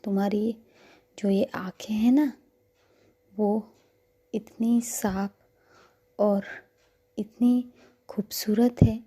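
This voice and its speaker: A woman doing a soft-spoken, caring young woman. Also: medium pitch, steady tone, extremely slow, pauses often, breathy edge. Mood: tender.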